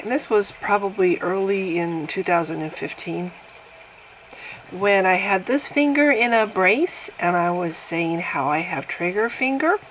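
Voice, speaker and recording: Chatting to the camera about aging, this woman vlogger in her fifties is self-mocking and exaggerated, frequently dissolving into laughter as her pitch and volume swing. Slight background noise sits under a low-quality recording.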